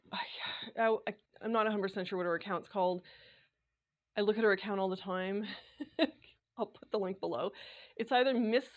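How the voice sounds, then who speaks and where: A woman vlogging in a casual, rambling chat, full of fillers and quick laughs, her voice slightly worn from dry air. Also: fairly high pitch. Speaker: sewing and knitting vlogger.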